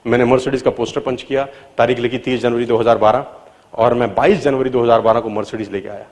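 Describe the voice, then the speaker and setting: A middle-aged man giving a motivational talk, telling his own story and swinging between loud emphatic peaks and low quiet asides, with English phrases mixed in. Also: fairly even intonation, a little fast. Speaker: motivational speaker.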